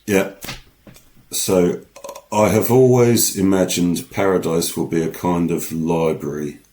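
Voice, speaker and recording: A man's voice: low voice, fairly even intonation, slow pace, mellow, poor audio. A man co-hosting a podcast in a studio, rambling casually with many ums and restarts. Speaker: podcast co-host. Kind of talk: casual chat.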